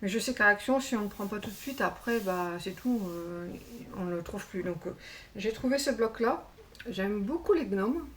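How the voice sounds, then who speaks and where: A woman's voice: medium pitch, lively intonation, moderate pace, far from the mic. Chatty woman with hesitant fillers. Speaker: crafting YouTuber. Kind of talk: casual show-and-tell haul.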